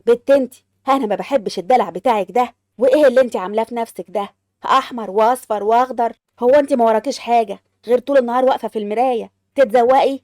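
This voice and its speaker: A woman's voice: fairly high pitch, very fast, darkish tone, no echo, studio quality, lightly acted. A woman with an Egyptian accent voicing a bossy, scolding old mother-in-law who grumbles and accuses. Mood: accusing. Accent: Egyptian Arabic.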